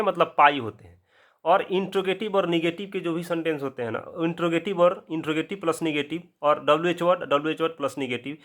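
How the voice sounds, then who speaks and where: A man with a Bihari accent giving an English grammar lesson in casual classroom style. He asks the viewer a question, answers it himself, and slows down to spell things out. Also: a little high, fairly bright tone. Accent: Bihari Hindi. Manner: drawn-out, spelled-out explanations. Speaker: English teacher.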